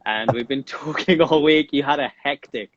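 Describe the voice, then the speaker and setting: A man's voice: fairly high pitch, moderate pace, dull audio, a little hiss or hum. Effusive man hosting a live chat. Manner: chatty, effusive, lots of repeated welcomes. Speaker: host. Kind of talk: casual live-stream interview.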